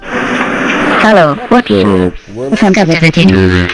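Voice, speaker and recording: A man's voice: huge pitch swings, takes it slowly, music in the background, exaggerated voice, rough recording. A man run through a morphing voice changer. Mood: playful. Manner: repeating a short greeting in changing altered voices. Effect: voice changer shifting his pitch up and down. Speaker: tutorial presenter. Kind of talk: voice changer demo in a video editing tutorial.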